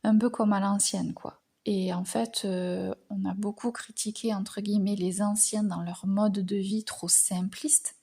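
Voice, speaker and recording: A woman from France gives a slow, thoughtful astrology monologue. Her voice is soft and mellow with a breathy, slightly husky edge. She hesitates often, and her phrases fade away into a near whisper. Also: medium pitch, steady tone. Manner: hesitant, frequent filler pauses, words trailing off into whispers. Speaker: astrology channel host. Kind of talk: reflective spoken monologue.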